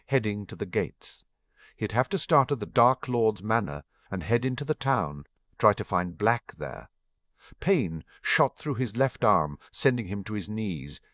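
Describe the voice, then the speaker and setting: A man's voice: fairly low pitch, no room sound, lo-fi sound. A man narrating a fan fiction audiobook, reading expressively. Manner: expressive reading with varied voices.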